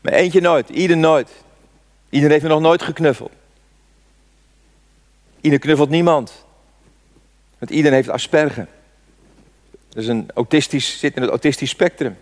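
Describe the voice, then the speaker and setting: A man's voice: a little high, moderate pace, pauses often. A man in his sixties preaching a sermon, telling a personal story with fervent rhetorical questions. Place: church. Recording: long church reverb.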